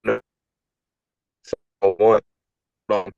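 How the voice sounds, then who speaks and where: A man's voice: fairly low pitch, level tone, vocal fry, a little mellow, no room sound. A man co-hosting a podcast, talking casually from his car in an underground parking garage over a call that sounds muffled and underwater. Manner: casual, halting, breaking off mid-phrase. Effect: muffled, underwater-sounding call connection. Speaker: podcast co-host. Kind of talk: casual fantasy football chat. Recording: dull lo-fi call audio.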